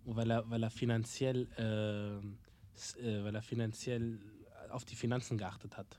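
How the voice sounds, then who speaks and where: A young man in a casual podcast chat, telling a story with slang and pausing to search for words. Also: on the low side, flat delivery, mellow.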